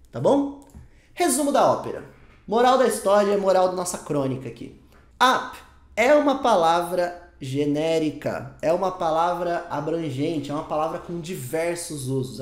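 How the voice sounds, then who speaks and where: A man's voice: sits high, reverberant. A man with a Brazilian Portuguese accent teaching an English lesson, emphatic and repeating each point in new words. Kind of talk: explanatory online lesson.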